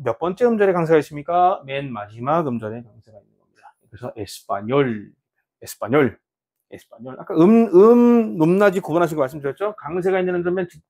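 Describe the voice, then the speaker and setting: Speaking Korean, a man leads a beginner Spanish lesson in a slightly high, darkish, animated voice, slowly repeating example words and quizzing his students.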